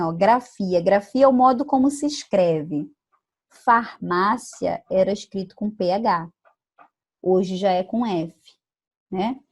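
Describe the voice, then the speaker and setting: A woman's voice: mid-range voice, a little mellow. A woman from Brazil teaching an online class, explaining patiently and checking in with her students, sometimes acting out sample phrases. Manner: explanatory, checks understanding with "tá bom?" and "né?"; acts out regional phrases in quoted voices.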